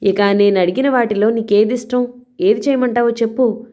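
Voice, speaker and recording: A woman's voice: medium pitch, moderate pace, dark tone, pitched above the performer's own voice, close to an everyday voice. A woman voicing a furious husband who threatens his wife with harsh, commanding words in a read-aloud crime story.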